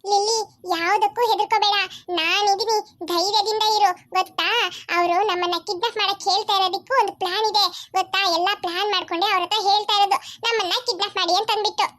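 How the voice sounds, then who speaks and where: A woman's voice: extremely high pitch, steady tone, fast talker, few pauses, fairly bright tone, no echo, studio quality. A woman voicing a bold, confident little girl in a cartoon who schemes and reassures her friends. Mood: cheeky. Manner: cheeky, confident.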